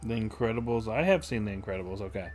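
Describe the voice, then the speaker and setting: A livestream gamer chats casually with viewers during gameplay, often thinking aloud, as game music plays behind him. His voice is on the low side and darkish, animated and fast.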